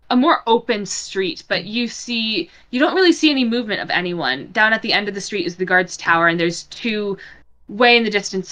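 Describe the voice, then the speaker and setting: A young woman narrating as dungeon master, describing scenes in a relaxed way with fillers. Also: mid-range voice. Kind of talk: narrating a tabletop game.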